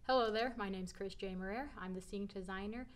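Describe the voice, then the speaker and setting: A woman's voice: medium pitch, quick pace. A woman, a scenic designer, explaining her work casually with lots of fillers.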